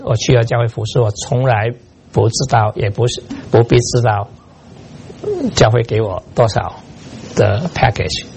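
An older man, a pastor, preaching a sermon full of lively personal stories, slipping in English words and laughing at himself. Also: mid-range voice, gravelly, a little hiss or hum.

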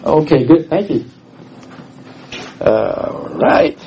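In a muffled recording, this middle-aged Houston man speaks very slowly yet very animatedly, his mid-range voice creaky, mellow and scratchy. A former missionary and guest speaker, he preaches casually in a church hall, self-deprecating and often restarting his sentences.

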